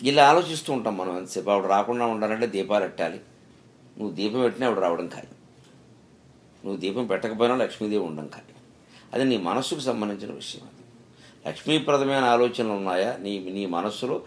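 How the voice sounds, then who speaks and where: A man's voice: fairly low pitch, animated, brisk. Man giving a spiritual discourse. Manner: storytelling, rhetorical questions, emphatic rises. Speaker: spiritual speaker.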